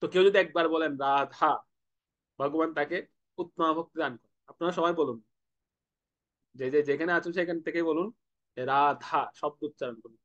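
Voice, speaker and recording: A man with a fairly high voice preaches a devotional sermon. He explains things patiently, poses rhetorical questions and has his listeners repeat words after him. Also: steady tone, moderate pace, long pauses, a bit bright, dull audio. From Bangladesh.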